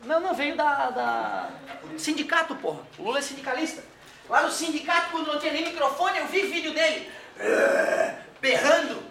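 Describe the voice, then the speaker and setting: A man's voice: very high-pitched, animated, moderate pace, gravelly, bright, forceful tone, slight background noise. A man teaching a classroom lecture in a joking, colloquial way, dropping swear words and acting out quoted voices. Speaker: physics teacher. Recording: very echoey room, mic far off.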